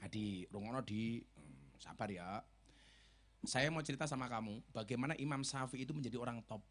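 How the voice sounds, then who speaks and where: A man in his forties with a Javanese accent, giving a joking sermon to a crowd and teasing the people in front of him. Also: mid-range voice. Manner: joking, switching between Indonesian and Javanese, teasing the audience. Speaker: preacher. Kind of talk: comic sermon to a live crowd.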